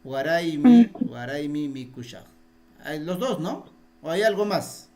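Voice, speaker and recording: A man's voice: on the high side, big pitch swings, slow, a crowd in the background. A man teaching a Quechua spelling class in Peruvian Spanish over a video call. He repeats his points patiently and quizzes his students. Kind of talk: online class, explaining spelling.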